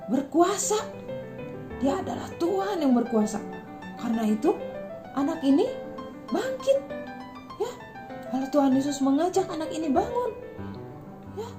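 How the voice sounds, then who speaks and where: A woman with an Indonesian accent, a Sunday school teacher telling a story to toddlers in a slow, sing-song, very expressive way. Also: sits high.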